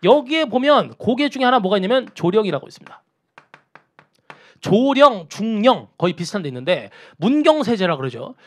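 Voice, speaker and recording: A male lecturer with a fairly high voice that swings up and down all the time. He teaches in a drilling, question-and-answer way, repeating each key term and checking in with his students again and again. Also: big pitch swings, fairly quick, fairly bright tone. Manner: asks students questions and answers them himself; repeats key terms for emphasis. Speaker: Korean history lecturer. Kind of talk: exam-prep lecture.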